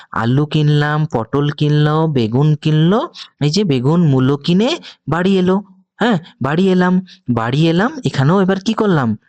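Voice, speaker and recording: A woman's voice: darkish tone, no room sound. A woman from West Bengal teaching a demo lesson on punctuation, often asking questions to check understanding. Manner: questioning, checks "ঠিক আছে?" often, sing-song teacherly pitch swings.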